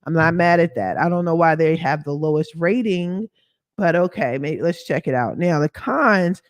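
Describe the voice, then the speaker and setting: At normal speed, a credit repair business owner gives a casual screen-share walkthrough, her voice hoarse and lower than usual because of a cough. She's candid and slangy, tossing in sassy asides, and there's no room sound.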